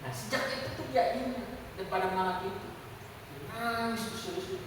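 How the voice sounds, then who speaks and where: High-voiced male preacher in echoey hall. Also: fairly quick. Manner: candid, storytelling, addresses the congregation directly. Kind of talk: conversational testimony sermon. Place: church service hall. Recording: echoey hall from far off, faint hiss.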